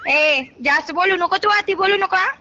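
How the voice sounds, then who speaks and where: A beauty parlour worker with a Marathi accent takes a phone call, sounding curt, irritated, and scolding in an exasperated conversation. Her extremely high-pitched voice moves at normal speed over a dull lo-fi phone line with background noise.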